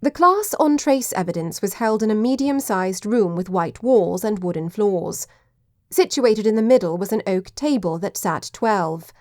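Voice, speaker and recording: A woman reading audiobook narration in a measured, even way. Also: mid-range voice, dry recording, studio quality. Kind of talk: scripted narration.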